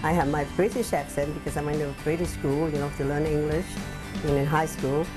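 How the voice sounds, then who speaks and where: A restaurateur with a Hong Kong Chinese accent speaks in a documentary interview, pausing and restarting with plenty of fillers in a halting way. Her voice sits low with fairly even intonation, and music plays underneath.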